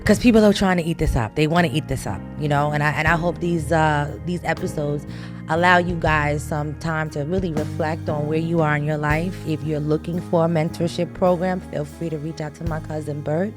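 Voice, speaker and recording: Low-voiced woman host over music. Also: steady tone, a little fast. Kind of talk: faith-based talk show chat.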